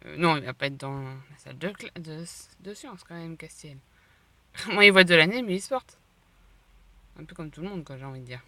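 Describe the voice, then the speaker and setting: Bright, chatty woman streamer. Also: deep voice, lively intonation, moderate pace. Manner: chatty, laughs often, comments between lines. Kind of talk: reading a visual novel aloud with live reactions.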